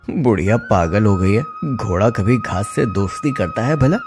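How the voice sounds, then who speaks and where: A man's voice: fairly low pitch, huge pitch swings, normal speed, over music. A man voicing a greedy, scheming young man who coaxes and schemes in a cartoon story. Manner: coaxing, sly.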